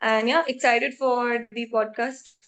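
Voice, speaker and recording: A woman's voice: a little high, fairly even intonation, unhurried, a bit bright. A woman in her twenties with an Indian accent, answering interview questions about her career in an articulate, self-assured way. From Jaipur, India. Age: 20s. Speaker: podcast guest, accountancy trainee.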